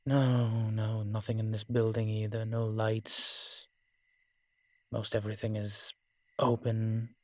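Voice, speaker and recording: A man with a lowish, monotone, darkish voice speaks slowly, with no room sound, playing an ancient, proud, world-weary vampire in a one-sided audio roleplay drama. He sounds grumbling and watchful, wry and haughty, using old-fashioned fancy words.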